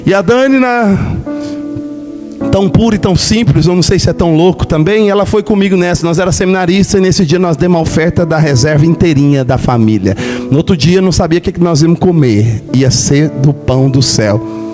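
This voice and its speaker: A Brazilian man in his forties preaches with fervor, his voice sitting high and climbing further as his emotion swells. He speaks as a preacher sharing his own testimony at full intensity. Instrumental music plays clearly underneath. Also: fairly quick. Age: 40s. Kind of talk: passionate sermon testimony.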